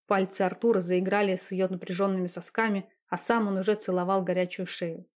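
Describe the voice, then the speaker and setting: A woman reading a romance novel aloud in a steady, intimate narrating voice. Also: medium pitch, brisk.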